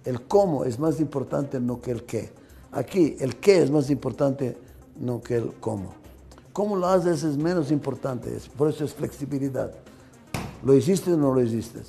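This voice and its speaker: A man's voice: mid-range voice, expressive, moderate pace, gravelly, warm tone, soft background music. An older man giving a management lecture, emphatic and repetitive, asking rhetorical questions, with slightly non-native grammar.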